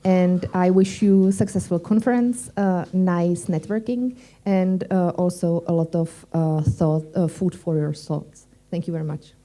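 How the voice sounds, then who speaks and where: A woman giving a welcome speech as a conference organiser, in hesitant, halting non-native English. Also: fairly low pitch, fairly even intonation, mellow.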